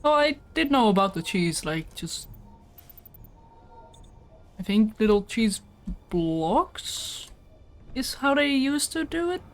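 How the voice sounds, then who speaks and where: A woman's voice: a little high, sing-song, takes it slowly, long pauses. A woman chatting casually with a co-player while streaming a video game, rambling about food and snacking between sentences. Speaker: livestreamer. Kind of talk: casual chat while gaming.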